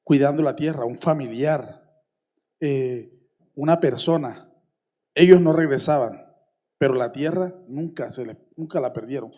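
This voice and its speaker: Halting man asking from the floor. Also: medium pitch, mellow. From Colombian Caribbean coast. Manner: halting, with many restarts and fillers. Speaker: audience member asking a question. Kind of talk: question from the floor at a conference.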